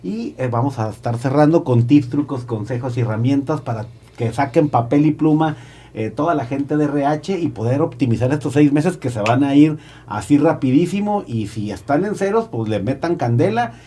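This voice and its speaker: Mellow-voiced man hosting a podcast. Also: mid-range voice, animated, normal speed, breathy edge. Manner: playful, slangy, provocative. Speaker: podcast host. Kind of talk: casual podcast interview.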